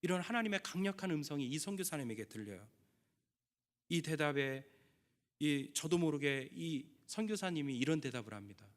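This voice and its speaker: A man's voice: fairly high pitch, lively intonation, moderate pace. A middle-aged man preaching a sermon as pastor, earnest, acting out quoted prayers now and then. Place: church sanctuary. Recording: long church reverb.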